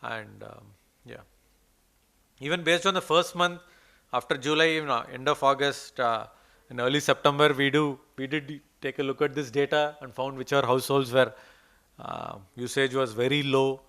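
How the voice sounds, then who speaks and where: With a creaky, fairly bright mid-range voice at a moderate pace, a man speaking Indian English walks a conference hall audience through research slides, then answers questions. He's hesitant throughout, with many fillers and restarts.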